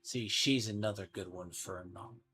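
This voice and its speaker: A man's voice: lowish voice, fairly quick, sharp tone, breathy edge. A man giving casual game commentary, rambling and thinking aloud as he speculates. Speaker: gaming streamer. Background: game music.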